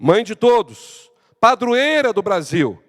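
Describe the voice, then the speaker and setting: A Brazilian pastor preaching a Bible-study sermon, his voice sitting high for a man. He reads scripture slowly and asks the congregation rhetorical questions. A long reverb trails his words through the church hall. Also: very animated. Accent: Brazilian Portuguese.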